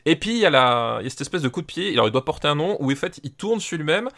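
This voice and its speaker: A man's voice: on the high side, very animated, very fast, fairly bright tone. Enthusiastic man in casual podcast chat. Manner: enthusiastic, colloquial, slangy. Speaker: podcast co-host.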